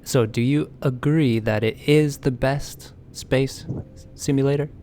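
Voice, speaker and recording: A forty-year-old man hosting the interview, enthusiastic and quick to laugh and exclaim in wonder. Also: mid-range voice, warm tone, a little hiss or hum. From America. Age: 40s. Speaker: host. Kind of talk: casual interview.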